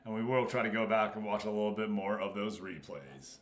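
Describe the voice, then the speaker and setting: Talking straight to his viewers in an informal way, a streamer hosts a laid-back game livestream. His voice sits on the low side with a steady tone and a brisk pace, and background noise mixes with the echoing room sound.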